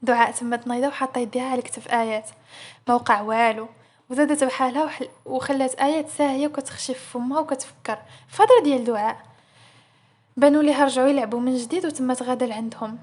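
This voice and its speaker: Brief: young Moroccan woman narrator, quick and husky. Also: high-pitched, fairly even intonation, a little mellow. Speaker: storyteller. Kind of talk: romance story narration.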